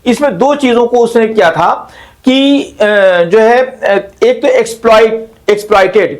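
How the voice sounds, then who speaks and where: A male literature teacher gives a slow classroom lecture, explaining each term and repeating it in Hindi, with frequent pauses and self-corrections. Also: very high-pitched.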